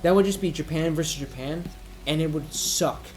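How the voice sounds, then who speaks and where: An MMA commentator, tipsy and drinking, rants off the cuff in a higher-pitched voice with faint music behind him. He rambles and halts, thinking aloud as he gives his opinions.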